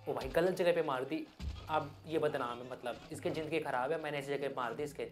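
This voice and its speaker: A man giving loud, excited Hindi gameplay commentary as a gaming YouTuber. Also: fairly high pitch, a little fast, soft background music. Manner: loud, hyped, yelling at the game.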